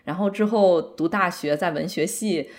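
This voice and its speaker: Soft-spoken, low-voiced woman in her thirties. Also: moderate pace. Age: 30s. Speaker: podcast co-host. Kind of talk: casual chat about books.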